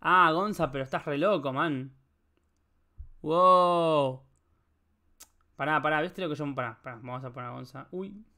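Young male streamer, Rioplatense accent, loose and jokey, a touch high-pitched. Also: unhurried, pauses often, bright, forceful tone. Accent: Rioplatense Spanish. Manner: rambling, joking, swears a lot, talks to chat. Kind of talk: casual live-stream chat while solving a puzzle.

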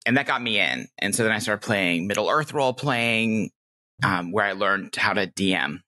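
Speaking at normal speed with an extremely low, pushed, bright voice, this middle-aged game master guests on a podcast. She tells anecdotes in a casual, enthusiastic way.

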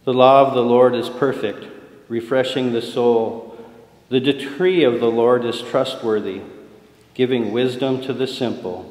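A man reading scripture aloud at Mass as a deacon, with a measured, formal cadence and a long cathedral echo around his voice. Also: medium pitch, a little mellow. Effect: cathedral echo, long church reverb. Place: large church. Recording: echoey large church with long reverb.

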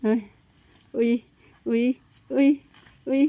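A woman gives lively vlog commentary. She keeps calling out to a young elephant and coaxing it. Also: slow pace, no echo, dull audio. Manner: animated, exclaiming, coaxing an animal. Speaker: elephant keeper filming a young elephant.

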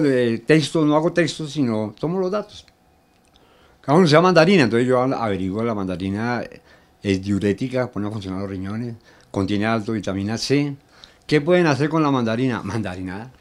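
A man in his sixties with a Colombian accent, answering casually and colloquially in an interview, often halting and repeating words. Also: mid-range voice. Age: 60s. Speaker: interviewee, street crier and announcer. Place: small home studio room. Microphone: handheld reporter microphone.

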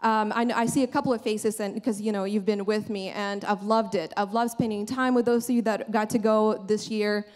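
A woman's voice: medium pitch, steady tone, normal speed, few pauses, darkish tone. A young woman giving an earnest, conversational sermon on a church stage, speaking into a handheld microphone and often restarting her sentences. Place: large church stage, indoors.

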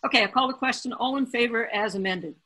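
Lady chairing a council video call, bright husky voice, quick and jokey. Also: on the high side, low-quality recording. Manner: joking, brisk, chatty. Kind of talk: casual meeting chairing.

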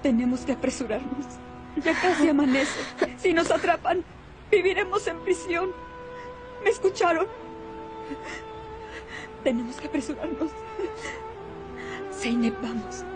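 An older soap-opera woman who pleads and commands in a high, urgent voice. She speaks slowly and deliberately, with dramatic music swelling behind her. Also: lively intonation. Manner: urgent and pleading, giving orders. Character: tense older woman urging a young woman on. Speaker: dubbing actress in a soap opera. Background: dramatic background music.

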